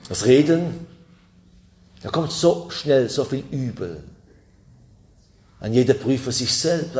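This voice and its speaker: A man preaching a sermon in a slow, emphatic way, his voice climbing with fervor at times. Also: mid-range voice, mellow, roomy sound.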